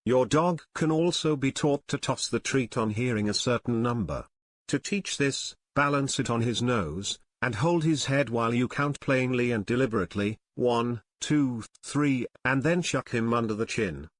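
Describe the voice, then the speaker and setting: Guy narrating dog trick how-to, steady even read, mid voice, dry close mic. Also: mid-range voice, normal speed, no room sound. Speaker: narrator of dog training videos. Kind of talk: scripted narration.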